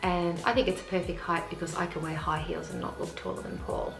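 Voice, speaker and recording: An Australian woman in her 40s, a family vlogger, reads viewer questions to camera in a casual Q&A and answers each one plainly. Her voice sits on the low side, level in tone and brisk. She's at home with children nearby, in an echoey room with faint music behind.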